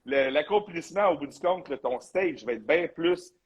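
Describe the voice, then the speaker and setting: A man's voice: fairly high pitch, expressive, moderate pace, husky, poor audio. A man with a Quebec French accent, a bodybuilding coach hosting a casual live chat in a loose, talkative way, sprinkling in English slang.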